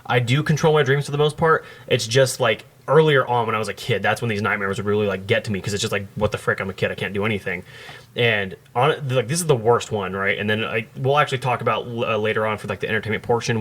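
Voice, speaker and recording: A man's voice: medium pitch, fairly bright tone. A man hosting a podcast, telling a long story in casual chat with many fillers and restarts. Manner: rambling, lots of fillers and restarts. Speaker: podcast host.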